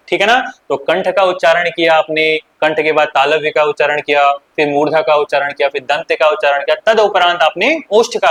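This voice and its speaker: A man's voice: on the high side, a bit bright. A male teacher giving an exam-prep grammar lesson who asks questions and answers them himself, repeating key points. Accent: Uttarakhand Hindi.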